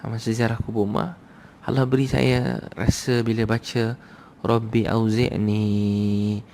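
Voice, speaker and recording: Male Malaysian preacher, gravelly voice, urges the crowd in a loose, repetitive sermon style. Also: medium pitch, fairly even intonation, moderate pace, darkish tone, slight background noise. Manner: conversational, repetitive, urging the crowd. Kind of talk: sermon to a live audience.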